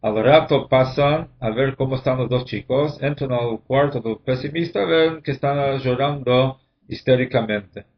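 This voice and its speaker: A man teaching a religious lesson as a rabbi, explaining at a measured pace and pausing often to find his words. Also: mid-range voice. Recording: dull lo-fi recording.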